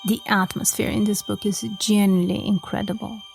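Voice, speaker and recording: Woman from romania chatting about books, bit of vocal fry, soft faint music under her. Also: medium pitch, level tone, fairly quick. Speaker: podcast host. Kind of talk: reflective book-talk podcast monologue.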